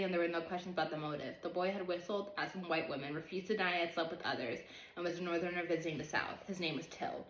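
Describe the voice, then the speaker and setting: A woman's voice: lowish voice, slight background noise. A woman reading a novel aloud carefully, sometimes stumbling on hard words. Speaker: reader. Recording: roomy echo.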